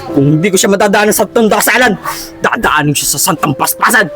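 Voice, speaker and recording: A boastful, jealous rich suitor, voiced by a man in a comic cartoon, ranting with big theatrical outbursts in a very high voice. Faint music plays underneath. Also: animated, quick pace, bright, forceful tone. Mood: scheming.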